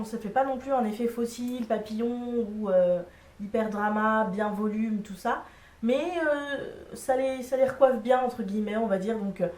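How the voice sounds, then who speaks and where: Her voice sits on the high side and sounds far from the microphone. This young beauty vlogger reviews makeup products in a relaxed, candid, chatty way with plenty of fillers, recorded a bit off-mic in an echoey room.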